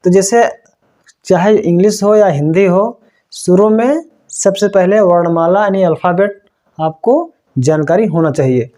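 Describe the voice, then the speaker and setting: A middle-aged man teaching a language lesson slowly and patiently, repeating each step and checking that the learners understood. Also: high-pitched, mellow. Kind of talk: slow blackboard-style language lesson.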